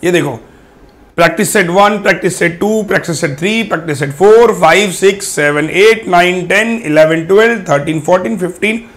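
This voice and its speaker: A man's voice: sits high, brisk, fairly bright tone. A young man teaching maths for bank exams in an online class, chatty and coaxing his students, often counting items aloud. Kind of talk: online exam-prep class.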